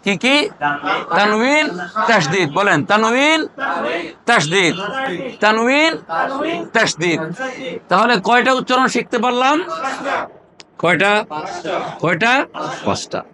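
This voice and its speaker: Man, Quran recitation teacher, high voice, call-and-response drilling, repeats every question. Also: animated, slow, long pauses, crowd noise. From Bangladesh. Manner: repeats questions and prompts the class to answer aloud; drills terms in chanted repetition.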